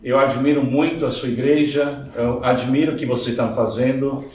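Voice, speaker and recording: A man's voice: mid-range voice, steady tone, moderate pace, darkish tone. American-accented man preaching in an echoey hall. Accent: American accent in Portuguese. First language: English. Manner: earnest, emphatic, repeats key phrases for effect. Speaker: guest preacher. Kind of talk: church sermon. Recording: echoey church hall, distant, noisy.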